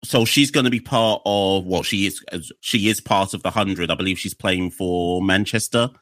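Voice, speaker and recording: A man co-hosting a casual cricket podcast, animated and jokey, acting out quotes in a mocking voice. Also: low voice, normal speed, dry recording, studio quality. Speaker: podcast co-host.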